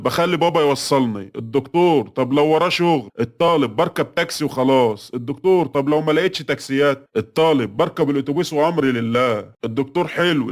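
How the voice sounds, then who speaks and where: Egyptian guy reading dumb jokes super fast, normal pitch, loud music under him. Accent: Egyptian Arabic. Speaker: joke teller. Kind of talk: scripted joke reading. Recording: voice-over with loud background music.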